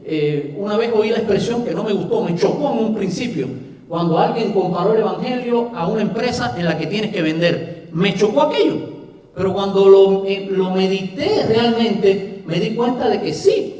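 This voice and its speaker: Cuban-accented male preacher, conversational sermon, high-pitched, booming church echo. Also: animated, normal speed, darkish tone. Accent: Cuban Spanish. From Cuba. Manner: conversational, with asides and rhetorical questions. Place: church hall. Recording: echoey hall from far off.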